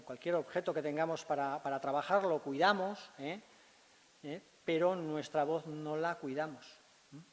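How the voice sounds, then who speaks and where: A man, a speech therapist giving a conference talk in a large hall. He teaches step by step and keeps checking in with short tag questions. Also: fairly high pitch. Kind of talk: conference presentation. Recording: long reverb of a large hall.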